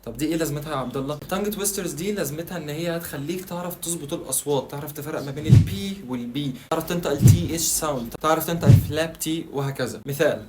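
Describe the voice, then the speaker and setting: Talking at a racing speed with few pauses over music, a man whose voice runs on the high side leads a casual language tutorial in an Egyptian Arabic accent. He's a language-learning video creator who speaks directly to viewers, raising his own questions and answering them.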